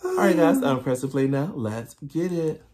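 Indoors in a small living room, a young man who makes reaction videos on YouTube responds to a music video trailer with playful, dramatic outbursts in a casual tone. He speaks at normal speed in a fairly high, very animated voice, with a crowd audible in the background.

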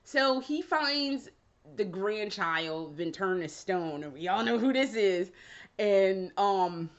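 Woman vlogger, casual slangy recap, mid-pitched voice, dull lo-fi home audio. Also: animated, slow pace. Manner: casual, slangy and swearing, laughs while retelling. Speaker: vlogger reviewing a show. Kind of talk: casual chatty review.

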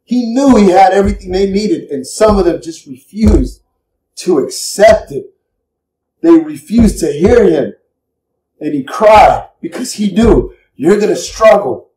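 Male preacher, fervent and repetitive, mellow voice, mic a little far off. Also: sits high, lively intonation, a little slow, reverberant. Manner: impassioned, repetitive, emotional. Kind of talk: sermon.

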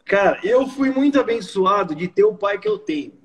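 A young man in his twenties with a Brazilian accent, telling a story as a guest in a casual, slangy, animated way. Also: high voice, moderate pace, rough recording. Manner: slangy, animated, peppered with "mano" and "velho". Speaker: guest preacher.

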